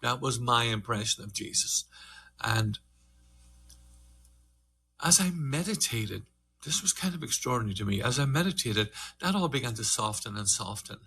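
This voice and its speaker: Speaking in a group conversation, this older meditation teacher from Ireland recounts his personal story with earnest reflection, alternating slow and quick stretches. His medium-pitched voice is animated and sharp-toned, carrying a slight hiss or hum.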